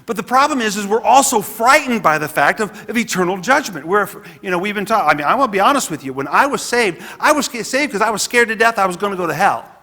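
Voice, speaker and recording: A man's voice: high-pitched, animated, quick pace, hardly any pauses, sharp tone, in a large hall. A man preaching a sermon as pastor in a church, talking earnestly and conversationally and often restarting his sentences. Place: church sanctuary.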